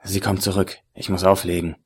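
A man voicing a guarded undercover male agent in a story, speaking low and hushed. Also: little pitch movement, fairly quick, breathy edge.

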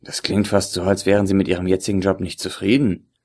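A man voicing a guarded undercover male agent in a story, speaking low and hushed. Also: flat delivery, fast.

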